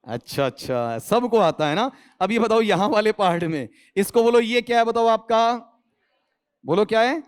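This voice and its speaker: A man from India leads an online exam-prep English lesson in a fairly high voice. He keeps throwing questions at his students and often answers them himself. He drops in teasing, joking asides along the way. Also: animated, moderate pace, smooth. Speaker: English teacher.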